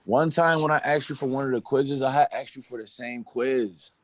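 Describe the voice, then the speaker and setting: A polite, easygoing man student talks with his teacher. He has a mid-pitched voice, and the recording is dry and close. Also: normal speed, no room sound. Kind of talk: casual talk with teacher.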